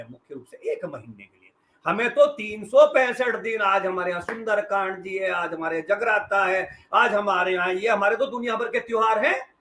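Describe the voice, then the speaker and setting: His voice is high with a fairly bright tone. A middle-aged journalist from western Uttar Pradesh, India, he is on a debate panel giving emphatic, sarcastic takes on politics.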